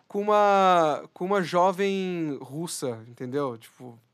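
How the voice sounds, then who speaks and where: Stammering Brazilian man, high voice. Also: animated, takes it slowly. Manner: stammering, rambling, joking. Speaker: podcast co-host. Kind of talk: casual comedic news chat.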